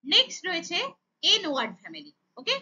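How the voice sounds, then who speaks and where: Lively high-voiced woman teaching phonics. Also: fairly quick, dull audio. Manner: sounds out letters then blends, asks rhetorical questions with "okay?". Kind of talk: children's phonics lesson.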